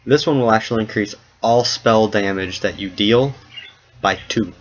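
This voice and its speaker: A man narrating as game master in a tabletop role-playing game, talking casually and voicing the characters. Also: moderate pace. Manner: casual, laughs at his own story. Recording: dull low-fi sound with faint noise.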